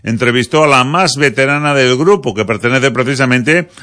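A man from Spain hosting a radio show, introducing the next segment in a relaxed way with small fillers. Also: mid-range voice, moderate pace. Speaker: radio host.

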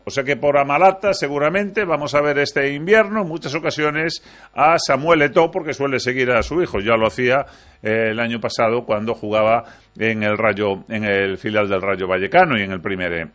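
A man's voice: mid-range voice, fairly bright tone. A man presenting a sports news bulletin, with frequent fillers and restarts as he reads out names.

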